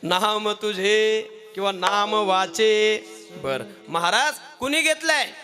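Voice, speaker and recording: A man with a Marathi accent leads a devotional kirtan sermon, trading questions with his listeners and breaking into sung verses. His voice sits high and he takes his time. Loud music plays behind him. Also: animated, slow pace. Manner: questions the audience, sings verses, laughs often. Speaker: kirtan preacher.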